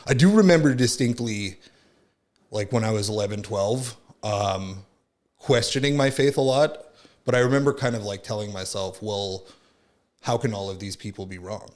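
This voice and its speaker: His voice is lowish and a little mellow, at a normal speed. Born in Finland and based in Southern California, this thirtysomething podcast guest rambles casually and reflectively about his story, peppering it with fillers like "like" and "right?".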